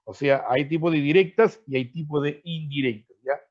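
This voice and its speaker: Speaking at a moderate pace in a slightly high voice, a Peruvian-accented language teacher runs an online pre-university grammar class, repeating himself, using tag questions and affectionately addressing students as freshmen. The video-call audio is dull and lo-fi.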